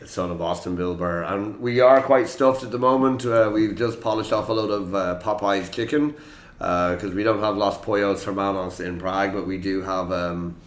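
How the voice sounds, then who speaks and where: A man's voice: sits low, steady tone, roomy sound. A man with an Irish accent hosting a quiz podcast, chatty and joking with his players. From Ireland. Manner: jokey, chatty, quick quips. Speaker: quiz host. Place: room in Prague.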